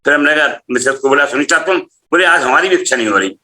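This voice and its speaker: A man's voice: a little high, animated, fast talker, pushed and bright. A middle-aged man giving a personal testimony, telling his story animatedly and acting out the dialogue. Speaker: spiritual practitioner telling a testimony.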